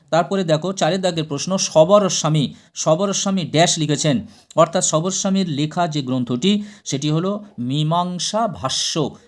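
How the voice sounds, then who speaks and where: A man teaching an exam prep lesson, reading out multiple-choice questions and options in a list, then stating each answer. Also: on the high side.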